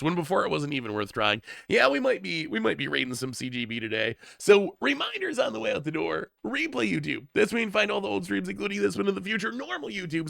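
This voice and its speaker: Congestion is costing this streamer his voice as he muses aloud over card spoilers, frequently repeating himself. His high voice has vocal fry and some brightness, and the clean studio recording is dry.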